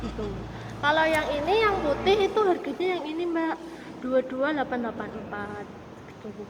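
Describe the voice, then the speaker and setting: A woman's high-pitched voice rings in a reverberant space over clear noise. She speaks as a salesperson, in a courteous, formal customer service manner. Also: animated, normal speed. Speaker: motorcycle showroom salesperson. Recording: reverberant, noisy room with vehicle sounds.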